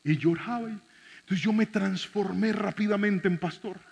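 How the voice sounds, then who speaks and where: A man, a pastor, preaching a sermon and telling a personal story in an animated way, shifting from shouting to soft speech. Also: high voice, normal speed, vocal fry, husky, big-room sound.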